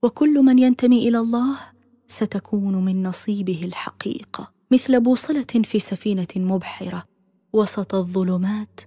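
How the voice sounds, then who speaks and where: A woman narrating a dramatic audiobook story in a solemn, often hushed voice. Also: medium pitch, normal speed, no echo, clean studio sound.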